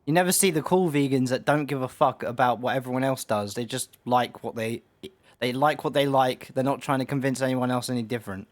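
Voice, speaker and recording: A man's voice: mid-range voice, a little fast, no room sound. Rambling, profane male game streamer. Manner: rambling, profane, many restarts. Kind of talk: casual rant on stream.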